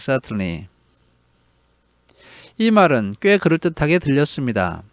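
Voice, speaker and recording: A man teaching a storybook, reading each English line slowly and then translating it. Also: a little high, dry recording. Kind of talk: slow read-aloud lesson with line-by-line translation.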